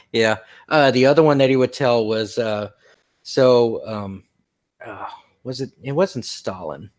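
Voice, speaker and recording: A man's voice: medium pitch, expressive, takes it slowly, darkish tone. A young man co-hosting a casual podcast chat, telling long jokes with many fillers. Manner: rambling storyteller with fillers. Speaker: podcast co-host.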